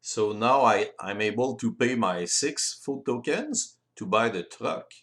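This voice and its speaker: A board game rules presenter with a French accent explains how the game is played, speaking slowly and a bit hesitantly as he thinks aloud. His mid-pitched voice rises and falls in a very animated way throughout this explanatory walkthrough.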